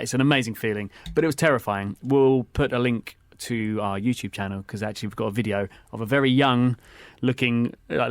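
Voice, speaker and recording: A man co-hosting a travel podcast, telling stories in an easygoing way with lots of fillers. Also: medium pitch. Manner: easygoing storytelling with frequent fillers. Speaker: podcast co-host. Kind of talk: casual travel chat.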